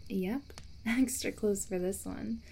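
A young woman plays a playful camping companion in an audio roleplay, speaking right to the listener at an unhurried pace. Her voice sits in a middle register, and she slips into hushed, drawn-out storytelling. A faint hiss runs under the recording. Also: medium pitch, gravelly. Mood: teasing. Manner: teasing, breaks into giggles. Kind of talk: first-person audio roleplay addressed to the listener.

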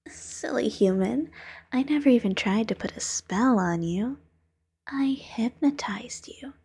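A playful female demon who loves to hypnotize, voiced by a woman speaks in a breathy, whispery hush. Her slow, unhurried delivery has a gravelly fry and a mellow tone, soft-spoken and coaxing in an ASMR roleplay. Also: fairly high pitch, lively intonation, full character voice. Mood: gloating.

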